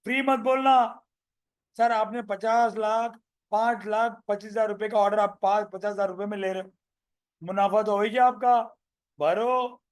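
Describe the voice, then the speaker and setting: A man's voice: high voice, unhurried, smooth. A man, a business coach, leading a live video-call training session with energy and many repeated phrases. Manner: energetic, repeats phrases, role-plays sales calls.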